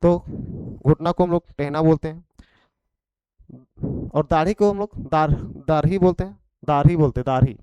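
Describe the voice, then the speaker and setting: A man's voice: fairly high pitch, moderate pace, long pauses, dark tone, clean tone, dry recording, lo-fi sound. A man with a Khortha accent teaching an exam prep vocabulary lesson, repeating each point and checking in after it.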